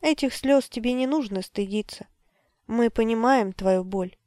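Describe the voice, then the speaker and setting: A gentle sorceress comforts in a soft, quiet voice, as a woman reader puts her on. The tone is smooth and a little high. The read is dry, with no room sound. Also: a little slow, no room sound, close to an everyday voice. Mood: soothing.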